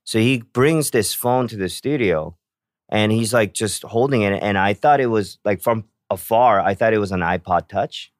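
A man in casual chat who tells stories with animated acted-out reactions. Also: on the low side, normal speed, no room sound, studio quality. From South Korea. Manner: animated storyteller, acts out reactions.

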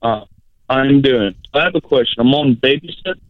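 Over a tinny, dry phone line, a male caller chats casually, hesitant and stumbling over his words while politely saying sir and ma'am. His voice is an ordinary middle pitch at normal speed, with no room sound.

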